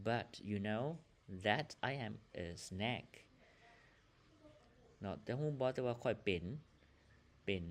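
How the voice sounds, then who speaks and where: Lao guy teaching english, low voice, super slow and patient, says each phrase then translates it. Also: a bit bright, a little hiss or hum. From Laos. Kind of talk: classroom English lesson.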